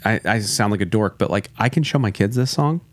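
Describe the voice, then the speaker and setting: An enthusiastic man co-hosting a relaxed podcast. He gushes freely in a casual, friendly way. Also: on the low side, a little fast. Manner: enthusiastic, gushing. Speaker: podcast co-host. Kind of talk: casual chat.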